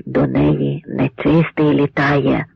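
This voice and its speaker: A man's voice: mid-range voice, very animated, slow pace, vocal fry, husky, no room sound, heavily acted. A man voicing a frightened but cunning old village man who pleads and whispers with a trembling voice, on a dry, slightly muffled recording. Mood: secretive.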